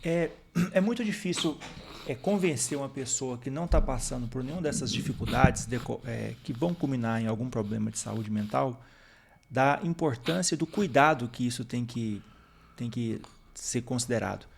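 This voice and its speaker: A man's voice: mid-range voice, moderate pace, gravelly, slight background noise. A man from Brazil, interviewing and posing a long question with hesitant fillers.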